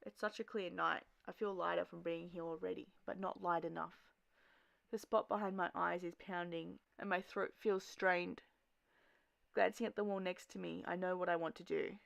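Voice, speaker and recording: A troubled teenage girl, voiced by a woman narrates her own audio drama in a matter-of-fact tone. Her voice sits low, with a gravelly fry. The recording is close and dry. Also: steady tone, moderate pace, no room sound. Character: troubled teenage girl graffiti artist, restless.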